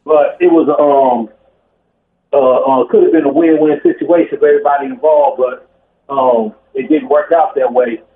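A man's voice: fairly high pitch, normal speed. A man calling a sports show by phone from just outside a bar, giving emphatic, repetitive, informal opinions. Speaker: phone-in caller. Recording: roomy, noisy, muffled phone line.

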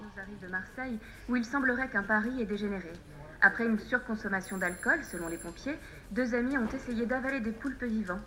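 A woman as a flat, deadpan female newsreader in a comedy audio drama, reading the bulletin over music. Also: on the high side, a little fast, natural voice, rough recording. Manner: newsreader delivery.

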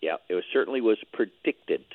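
A man calling in over the phone as a radio guest, explaining things in a measured way with halting restarts. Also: lowish voice, expressive, dry recording. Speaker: real estate board president, radio guest. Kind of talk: call-in radio interview. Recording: tinny phone line.

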